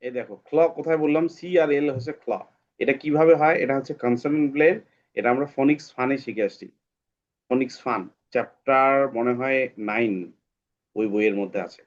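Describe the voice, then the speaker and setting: In a muffled recording, a man with a medium-pitched voice runs an online phonics class fairly quickly, saying each English sound over and over so students can drill it.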